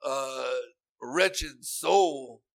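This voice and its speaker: A man's voice: mid-range voice, very slow, vocal fry, no room sound. A man preaching a sermon in an earnest, repetitive way that rises into emphatic bursts.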